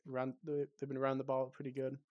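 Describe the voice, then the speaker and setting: A man's voice: mid-range voice, monotone, brisk, no echo, lo-fi sound. Hesitant man chatting football, dry sound. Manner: hesitant, many ums and restarts. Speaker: podcast co-host. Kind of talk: casual sports chat.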